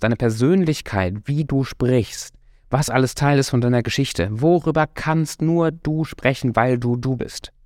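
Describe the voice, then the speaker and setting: A man's voice: medium pitch, darkish tone, no room sound, studio quality. A man giving a motivational talk as a coach, speaking directly and encouragingly to the listener and stretching his key words.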